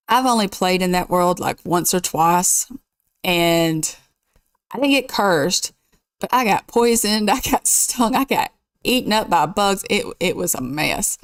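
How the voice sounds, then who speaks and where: Woman hosting a gaming channel, casual chat, lowish voice, dry close sound. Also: clean tone, no room sound. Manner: chatty, reads rules at an easy, even pace. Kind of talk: casual gameplay chat, reading rules aloud.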